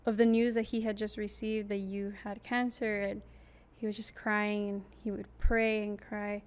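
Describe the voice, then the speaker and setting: A young woman hosting a podcast in casual chat, telling a story in a lively way and acting out quoted lines. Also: mid-range voice, moderate pace.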